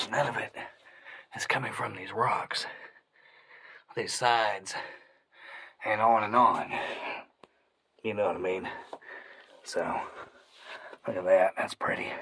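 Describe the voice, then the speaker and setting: Husky man narrating a cave crawl. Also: fairly low pitch, a bit bright. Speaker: explorer and video host. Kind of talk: casual vlog narration while exploring. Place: inside a tight limestone cave.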